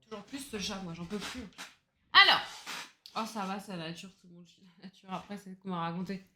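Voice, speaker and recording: Woman streamer chatting casually, bright sharp voice, rambly and self-mocking, swears a lot. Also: medium pitch, brisk, a little hiss or hum. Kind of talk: casual gaming livestream chat.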